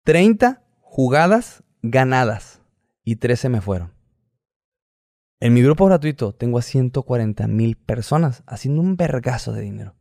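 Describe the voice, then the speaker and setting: A man's voice: mid-range voice, big pitch swings, unhurried, vocal fry, a little mellow, no echo, studio quality. A Mexican man, a podcast guest, talking casually and rambling, often losing his thread. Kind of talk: casual chat.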